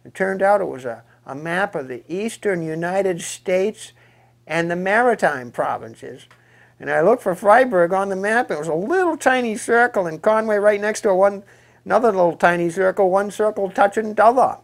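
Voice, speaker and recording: Creaky-voiced New England man spinning yarns. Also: high voice, expressive. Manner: folksy, meandering, drawn-out phrasing. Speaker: storyteller. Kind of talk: folksy humorous yarn-telling.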